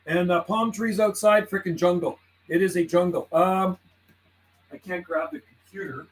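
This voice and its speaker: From a radio room inside his house, a man chats casually and makes radio calls on a live stream, friendly and easygoing, often saying "man" and "buddy." His voice sits high and steady at a normal speed.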